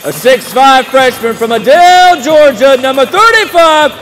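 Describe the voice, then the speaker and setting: This young American arena announcer, seated courtside at an indoor basketball game, uses a desk microphone on a short stand. His booming, showman delivery stretches out names and swings widely in pitch. The echoing PA picks up loud crowd noise, arena ambience, and faint music behind him.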